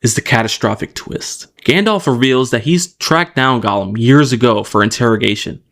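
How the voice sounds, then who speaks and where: Brief: male podcast co-host, mid-pitch, loose chat that slips into read-out recaps. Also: moderate pace. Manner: relaxed, loose, with fillers and restarts between read passages. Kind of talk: casual chat mixed with reading a plot summary.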